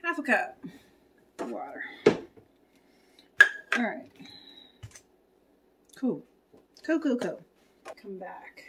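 A woman's voice: fairly high pitch, very animated, very slow, pauses often, heavy background noise. A woman chatting casually to viewers and to herself as she cooks at home, reading the recipe steps aloud. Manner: chatty, talks to herself and viewers while cooking. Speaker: home cook reviewing a meal kit. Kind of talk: casual cooking vlog chat. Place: home kitchen.

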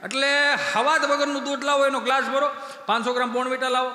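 A man's voice: very high-pitched, little pitch movement, fast, sharp tone. A man doing stand-up storytelling, acting out the voices of the people in his stories. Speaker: comedian. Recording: echoey hall with long reverb.

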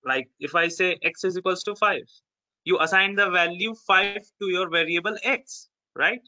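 A man's voice: high-pitched, moderate pace, pushed and bright, slight background noise. A man with a North Indian accent giving an informal step-by-step tutorial, often checking that he is understood. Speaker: programming teacher. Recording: dull, lo-fi online call audio.

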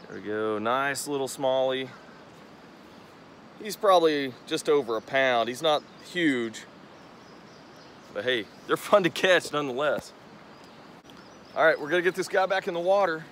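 Recorded outdoors on a tripod camera set at a distance, this young fishing vlogger chats and explains how he casts from the riverbank. His mid-range voice has a fairly bright tone, with a bit of hiss or hum and a rushing river behind him.

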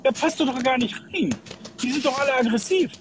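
A man from Kosovo calls into a livestream as a guest, chatting casually with strong, colloquial opinions and repeating himself for emphasis. His voice is very high and he talks fairly quickly.

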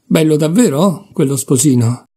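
A man reading aloud voices a proud, quick-tempered young woman who snaps in exasperation. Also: a little high, lively intonation, slightly rough. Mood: mocking. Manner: sharp, exasperated.

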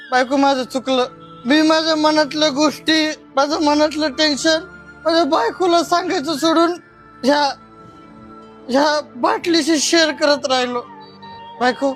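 A woman acting a drunken husband in a comic skit, talking in rustic village banter over loud background music. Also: high-pitched, lightly acted. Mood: remorseful. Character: drunken husband, boastful then remorseful.

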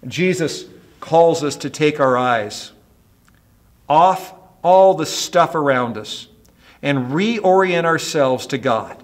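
A pastor preaches in a fairly high man's voice. He builds to emphatic points, then drops soft, and keeps asking his listeners questions. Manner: asks the congregation questions. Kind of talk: sermon.

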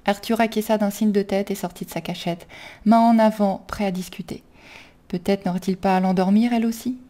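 A woman reads her own adventure story aloud in a steady, measured storybook narration. Her voice is mellow and warm, at a middle pitch. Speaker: reader of her own fan fiction.

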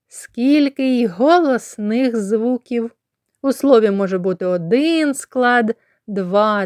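A woman kindergarten teacher from Ukraine giving a slow lesson to children, spelling out sounds and syllables with careful, deliberate articulation. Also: medium pitch, a little mellow, clean tone, dry recording, studio quality.

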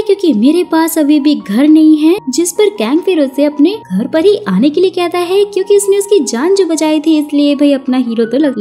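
A woman's voice: high-pitched, mellow. A woman narrating a drama recap in a chatty, casual way, talking to viewers as friends.

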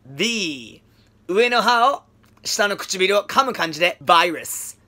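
A man whose first language is English gives playful, energetic commentary as he analyzes English. His bright voice swings widely in pitch. He often slows down to read example lines. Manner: energetic, playful, breaks into demonstration readings.

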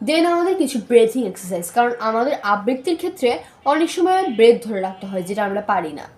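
A woman teaching spoken recitation, sounding out syllables and tongue twisters slowly and mixing in English words. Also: on the high side, sing-song, darkish tone. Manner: slow, syllable-by-syllable demonstrations mixed with English words. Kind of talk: spoken recitation lesson with drills. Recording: echoey room with faint noise.

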